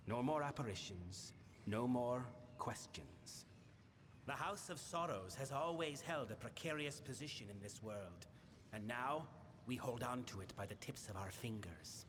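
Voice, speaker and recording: An actor playing a solemn, imperious Fae lord in a fantasy game, speaking in a grave, measured, formal way. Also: male voice, mid-range voice, fairly bright tone. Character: solemn, imperious male Winter Fae lord of a failing house. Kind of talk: scripted fantasy game dialogue. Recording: long hall reverb, background noise.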